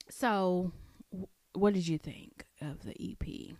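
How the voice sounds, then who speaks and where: A woman's voice: mid-range voice, darkish tone, no echo. A woman co-hosting a casual chat podcast, blunt and slangy, laughing often. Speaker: podcast co-host.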